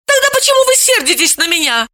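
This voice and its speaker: A loud, cheeky young woman who exclaims nearly everything and swings wildly up and down in pitch, as a woman narrator puts her on. Her voice sits high and bright, recorded close and dry. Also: very animated, normal speed, no echo, heavily acted. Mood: defiant, brash. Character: brash young woman, defiant and provocative. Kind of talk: audiobook character voice.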